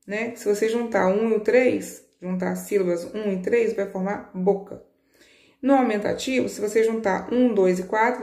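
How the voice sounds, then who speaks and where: A woman teacher patiently walking children through a worksheet, stretching key words slowly and checking in with short questions. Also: mid-range voice, mellow, roomy sound. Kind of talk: children's lesson walkthrough.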